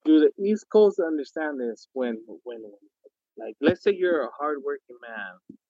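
A man's voice: on the high side, animated, measured pace, warm tone, dry recording. A man co-hosting a casual podcast chat, rambling with stammering restarts and frequent chuckles, his voice sounding muffled as if heard through a wall. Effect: muffled, dull sound, as if heard through a wall. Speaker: podcast co-host. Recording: muffled, dull, dry sound.

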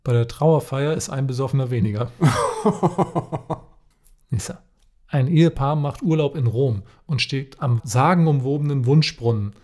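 A podcast co-host with a mid-range, dark-toned voice reads jokes out in a casual conversation. Laughter frequently interrupts his telling.

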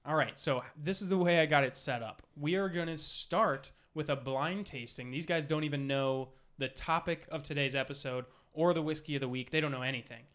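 A man's voice: on the high side, brisk, few pauses, a bit bright. A man leading a blind whiskey tasting with friends in casual chat, laughing often and poking fun at himself. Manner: chatty, laughs often, self-deprecating.

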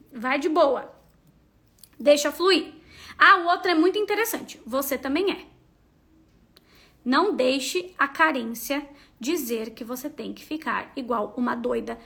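Brazilian woman podcast host, high and bright, teasing love advice straight to the listener. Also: creaky. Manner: emphatic, teasing, addresses listener directly. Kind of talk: casual advice monologue.

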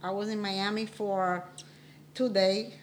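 Animated Cuban-born woman in her sixties. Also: mid-range voice, slow, a little hiss or hum. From Cuba. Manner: animated, boastful, protesting. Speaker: guest, host's mother. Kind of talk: casual podcast chat.

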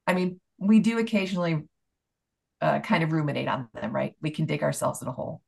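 A middle-aged woman with a low, gravelly voice hosts a relaxed faith-based chat. She talks in an encouraging way and keeps asking guiding questions. Her voice sits a little low and has some fry in it. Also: brisk. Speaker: podcast host and life coach.

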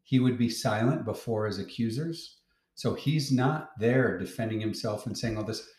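Patient low-voiced man teaching Bible. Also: moderate pace, darkish tone, reverberant. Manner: patient, questioning, explains as he reads. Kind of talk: Bible lesson with a child.

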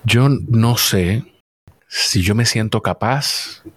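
A man in his thirties, a guest in a casual chat, talking in a halting, emotional way and repeating himself. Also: on the low side, dry recording, studio quality.

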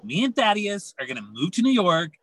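A woman's voice: medium pitch, sing-song, fairly bright tone. A woman playing a snarky, sulky teenage cheerleader in a comedy radio play, hesitant and sarcastic. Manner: hesitant then sarcastic, drawn-out.

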